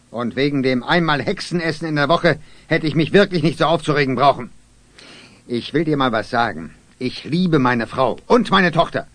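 A man's voice: a little high, a bit bright, dry recording. A man voicing a good-natured but fed-up father in a children's radio play, emphatic and exasperated.

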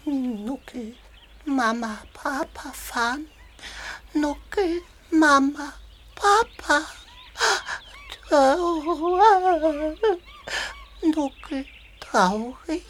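An actor voicing a homesick baby elephant who speaks in broken baby talk and whimpers, in a children's audio drama. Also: male voice, extremely high pitch, drawn-out words, long pauses, a bit bright, a little hiss or hum, heavily acted. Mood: sad, whimpering.

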